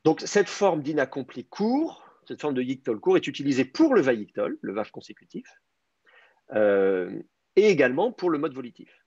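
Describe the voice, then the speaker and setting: Lively-voiced teacher on a dull call line. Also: male voice, mid-range voice, normal speed, breathy edge, no echo. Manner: explains step by step, thinking aloud with many "euh". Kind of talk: online Hebrew grammar class.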